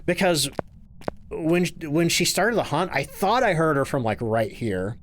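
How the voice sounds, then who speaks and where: A man's voice: fairly high pitch, lively intonation, unhurried, slight background noise. A man streaming a horror game, chatting casually with viewers and musing to himself as he plays.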